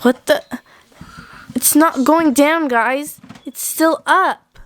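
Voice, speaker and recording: A gentle mom doll, voiced by a woman in a toy pretend-play story. Her voice sits high and she speaks slowly and kindly. She sounds like a mother checking on her kids. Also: a little hiss or hum. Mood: flustered.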